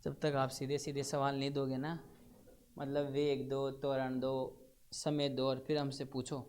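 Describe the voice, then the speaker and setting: A man's voice: medium pitch, monotone, a little slow, darkish tone. A male physics teacher, lecturing a classroom and quizzing students step by step.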